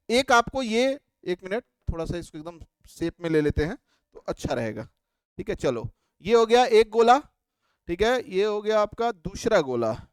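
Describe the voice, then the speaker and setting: Sketching on a whiteboard as he explains, a man lectures in a clean-toned voice that sits high. He poses questions only to answer them himself and repeats key terms drill-style, recorded dry.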